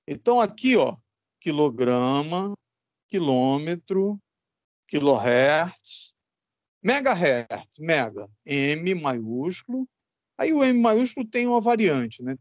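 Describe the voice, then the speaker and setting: A man's voice: fairly high pitch, dry recording, highs cut off. A man teaching an electronics class with a Brazilian Portuguese accent, emphatic and repetitive, asking his students rhetorical questions. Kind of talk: recorded classroom lesson.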